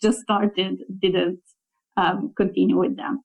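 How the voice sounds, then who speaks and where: In a rough recording, a young Italian woman who speaks Italian natively talks slowly and flatly at a medium pitch, with some vocal fry. In a casual interview she reflects on her job as a localization project manager, her speech thoughtful but full of fillers and restarts.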